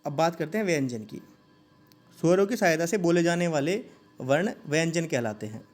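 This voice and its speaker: A man teaching a grammar lesson, saying each sound slowly and asking listeners to repeat it. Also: on the high side, lively intonation, faint music behind.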